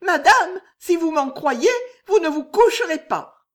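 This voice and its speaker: A woman voicing a frightened young chambermaid who pleads in a trembling, high voice. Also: very animated, unhurried. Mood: pleading, frightened.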